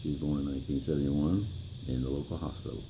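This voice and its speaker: An elderly American man with a gravelly old voice, reminiscing in a plain-spoken, halting way in an interview. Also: very deep voice, fairly even intonation, dull audio, a little hiss or hum. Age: 70s or older. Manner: plain-spoken, halting, pausing mid-phrase. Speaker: interviewee, grandfather.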